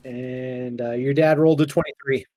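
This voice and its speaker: A man running a tabletop game, improvising the narration haltingly and correcting himself as he goes. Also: mid-range voice, fairly even intonation, dark tone, no echo. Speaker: game master.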